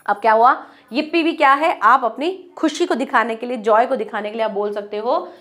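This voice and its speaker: A woman teaching a grammar lesson, acting out example exclamations with lively changes of tone. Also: fairly high pitch, normal speed. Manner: acts out example exclamations with varied tone.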